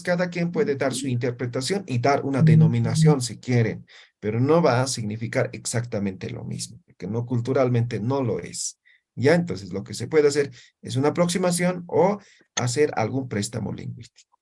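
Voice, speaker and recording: An Aymara speaker teaches an Aymara language class, constantly checking understanding with the tag question "¿no ve?" His mid-range voice is expressive, moderately paced, slightly mellow and a bit rough, with vocal fry.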